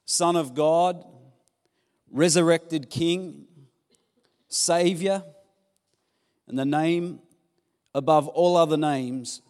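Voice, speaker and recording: A man preaches a sermon in a church, rousing the congregation with enthusiasm. His delivery is slow and measured. The sound rings with a long hall echo. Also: a little high. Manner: warm, enthusiastic, audience-rousing. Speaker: pastor.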